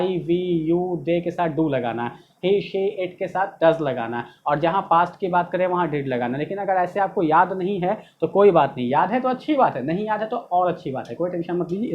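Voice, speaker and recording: A man's voice: high-pitched, lo-fi sound, slight background noise. Patient male tutor drilling grammar rules. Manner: asks questions, then answers them himself. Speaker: English tutor. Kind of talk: classroom-style video lesson.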